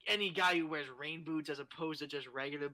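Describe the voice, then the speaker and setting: A man's voice: on the high side, fast, bright, forceful tone. A young adult man talking as a guest in a casual podcast chat, ranting animatedly and swearing a lot.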